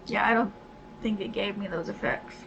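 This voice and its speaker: A woman's voice: mid-range voice, moderate pace, gravelly. A woman hosting a gaming channel, muttering casual commentary as she plays and reading card text aloud. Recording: dull lo-fi sound with steady noise.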